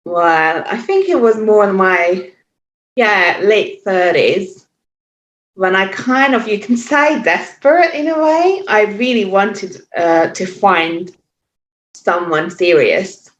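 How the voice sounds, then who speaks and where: Animated and mid-range in pitch, a Hungarian woman in her forties speaks accented English as a podcast guest, a yoga teacher reflecting thoughtfully. She hesitates, uses many fillers, and restarts sentences, and the remote recording sounds muffled and echoey.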